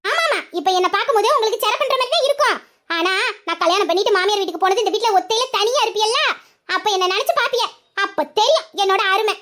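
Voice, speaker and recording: A woman's voice: very high voice, expressive, fast, bright, forceful tone, exaggerated voice. A woman voicing a cheeky, sulky young bride-to-be who teases and boasts. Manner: teasing, boastful.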